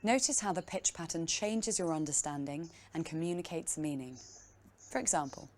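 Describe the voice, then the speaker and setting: Woman instructor with a low voice, calm and instructive, faint background noise in the clip. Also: normal speed. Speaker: instructor in a played training clip. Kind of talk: guided speaking exercise.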